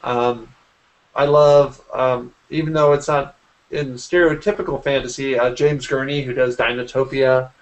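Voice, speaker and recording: A man in his forties, an artist and art teacher, is a guest in a casual video-call interview and often rephrases himself mid-sentence. His mid-range voice is unhurried with little pitch movement. The lo-fi sound comes from a computer mic in a small room at home.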